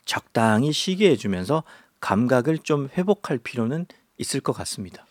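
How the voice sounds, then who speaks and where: A male guest writer explains things to the host in a steady, informative manner. His pitch moves around a good deal as he speaks. The recording is dry and close to the mic. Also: normal speed, dry recording. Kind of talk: explanatory radio chat.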